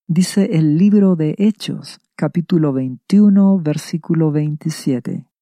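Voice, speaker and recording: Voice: mid-range voice, takes it slowly, dark tone, no echo, clean studio sound. A preacher giving a sermon, retelling a scripture passage and asking rhetorical questions before answering them. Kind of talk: radio sermon reading scripture.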